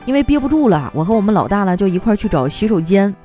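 A woman radio host reads listener jokes in a playful, chatty manner, mimicking voices for the people she quotes. Her mid-range voice has a dark tone, swings widely in pitch, and races along, with faint music behind her.

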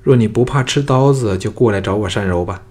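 A male audiobook reader voicing a proud, cold, teasing young swordswoman, a little higher and louder than his narration. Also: fairly quick, slightly rough. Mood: haughty.

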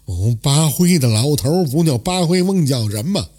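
A simple-minded young beggar whines with a halting, stammering complaint, as a storyteller puts him on. The voice sounds set back from the mic and has a husky edge. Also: male voice, on the high side, lively intonation, warm tone. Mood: aggrieved.

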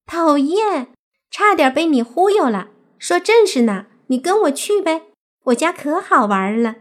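Actress as a high-voiced, coaxing fox-spirit girl, teenage, sweetly whiny, for an audiobook. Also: very animated, measured pace. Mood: playful. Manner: whiny wheedling, cute pleading. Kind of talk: audiobook character acting.

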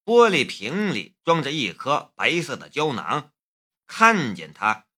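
A man narrating a novel as an audiobook, in a measured storytelling manner. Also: medium pitch, wildly swooping pitch, bright, forceful tone, husky. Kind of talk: scripted narration.

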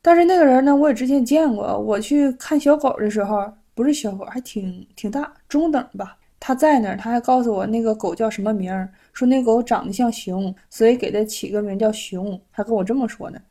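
A woman from China, telling a personal story vlog-style, animated and reenacting conversations with lots of exclamations. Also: fairly high pitch, fairly quick, hardly any pauses. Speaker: vlogger. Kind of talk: casual storytelling.

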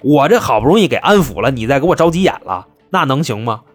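A man's voice: mid-range voice, very animated, fast, faint music behind. A man voicing a male police negotiator who talks in a soothing, wheedling way. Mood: placating.

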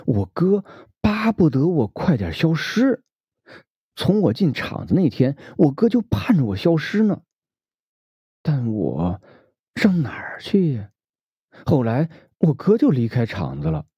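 A man voicing a weary, heartbroken middle-aged woman who pleads and drops into breathy whispers, recorded dull and lo-fi. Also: fairly high pitch, huge pitch swings, measured pace, dry recording, pitched above the performer's own voice, full character voice. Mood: sad pleading. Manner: pleading, breaks into unvoiced whispers.

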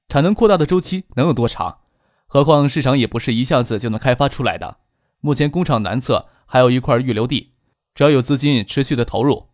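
Shrewd young businessman, read by a male narrator for an audiobook. Composed and measured. Dry, close sound. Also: medium pitch, no room sound, natural voice.

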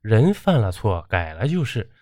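A man's voice: on the low side, very animated, moderate pace, mellow, no echo, studio quality. A man playing a stern, upright old village doctor who talks firmly and bluntly. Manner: firm, blunt.

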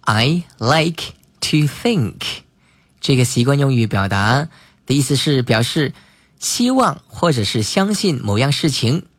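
Calm male teacher who drills English vocabulary by repeating it, in a dry booth. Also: mid-range voice, slightly rough, no echo. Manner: spells words letter by letter and repeats phrases slowly. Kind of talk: slow vocabulary lesson.

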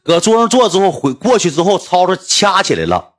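A man's voice: high-pitched, wildly swooping pitch, a little fast, soft background music. A man with a Northeastern Mandarin accent telling a rambling, colloquial anecdote, often repeating himself. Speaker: storyteller.

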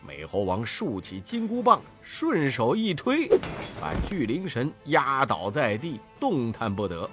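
Slow, lively storyteller man. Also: medium pitch, music in the background. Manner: very expressive, sing-song. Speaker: narrator. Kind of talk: storybook narration for children.

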